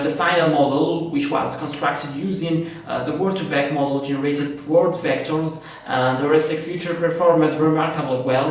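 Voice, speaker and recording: A conference presenter reads his slides with lots of "uh"s and restarts, the mic far off and the room very echoey. He's from Morocco, speaks Arabic as his first language, and his voice is on the high side.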